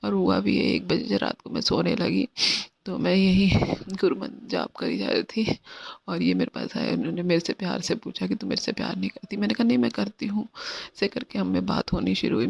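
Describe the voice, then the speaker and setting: A woman devotee sharing a personal devotional testimony, talking in a hesitant, halting way. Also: mid-range voice, lively intonation, creaky, darkish tone, husky, no echo.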